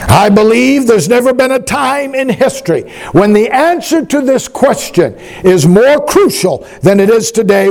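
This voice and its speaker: Male pastor, high pitched, unhurried, stretches his exclamations and leads call-and-response. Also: vocal fry, a little mellow. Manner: preaching, calls congregation to repeat after him; emphatic, drawn-out exclamations. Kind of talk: sermon. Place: church.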